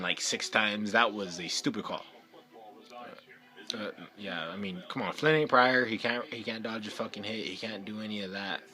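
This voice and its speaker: A young man ranting casually about his team's loss, profane, swinging between loud outbursts and low muttering. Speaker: fan vlogger. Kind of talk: casual sports rant.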